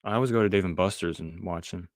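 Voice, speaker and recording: A young man hosts a podcast in a studio-quality, dry recording, chatting casually with live viewers and answering the chat. His low voice moves fast, drifting between questions and trailing off into mumbled asides.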